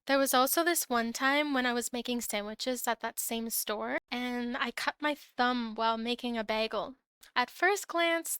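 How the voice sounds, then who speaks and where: A woman's voice: fairly high pitch, a bit bright, smooth, no echo. A woman from Ontario with a Canadian accent, telling work stories in a casual, conversational, lightly exasperated way. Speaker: storyteller recounting past food service work. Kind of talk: casual storytime narration.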